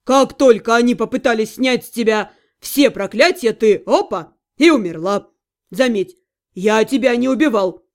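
A woman's voice: fairly high pitch, moderate pace, close to an everyday voice. A woman voicing a smug, sarcastic male demon lord in an audiobook. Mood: sneering. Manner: sneering, sardonic. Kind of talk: audiobook character reading.

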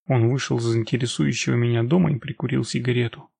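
A male audiobook narrator with a strongly gravelly, husky voice, reading an action story in a steady, measured way. The sound is dry and close, with no room at all. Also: medium pitch, no room sound. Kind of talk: first-person action narration.

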